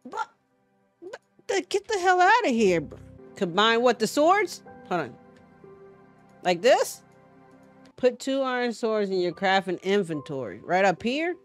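Excitable woman gamer yelling at monsters. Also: fairly high pitch, unhurried, long pauses, soft background music. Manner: loud, excitable, yelps and swears at enemies; talks to the game creatures and her viewers. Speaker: gaming channel host. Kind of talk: casual gameplay commentary.

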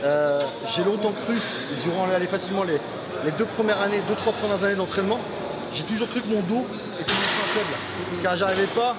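A man's voice: sits high, fairly quick, a loud crowd. Young man explaining lifts in a gym. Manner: clear, explanatory, addresses viewers as friends. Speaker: guest bodybuilder. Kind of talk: explaining training technique. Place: large busy indoor gym. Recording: echoey gym with loud background noise.

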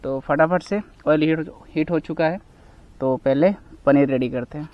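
A man's voice: a little high, moderate pace, no echo, dull audio. A young man from India chats to viewers while camping and cooking outdoors in a forest. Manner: chatty, addresses viewers as guys. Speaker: camping vlogger. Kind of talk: casual vlog narration.

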